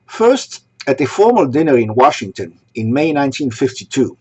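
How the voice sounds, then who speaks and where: A man from Egypt delivering a sermon, posing rhetorical questions in a measured way. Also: mid-range voice, big pitch swings, breathy edge. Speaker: synagogue speaker. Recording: dull lo-fi recording.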